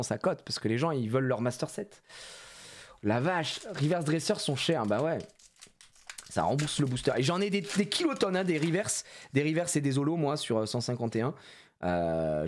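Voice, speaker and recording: Male streamer, live card opening, excitable, swears, very animated pitch. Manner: excitable, swears, shouts when disappointed; animated, playful banter with chat.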